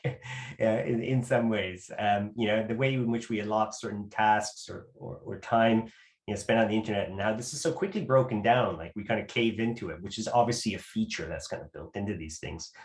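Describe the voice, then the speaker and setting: A man interviewing an artist, asking long, measured questions with frequent hesitations. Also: lowish voice, animated. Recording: roomy with faint background noise.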